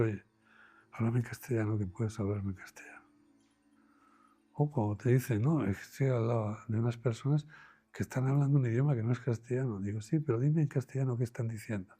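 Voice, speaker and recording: A doctor from Spain tells his own story in an interview, bringing the quoted lines to life as he goes. His voice is mellow and a little husky. Faint music plays underneath. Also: medium pitch. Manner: animated storyteller, acts out dialogue in quoted voices.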